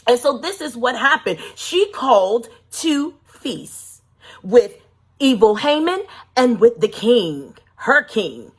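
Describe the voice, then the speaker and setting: A woman's voice: fairly high pitch, very animated, slow, breathy edge. A woman preacher retelling a Bible story in an emphatic sermon, with rhetorical questions to her listeners.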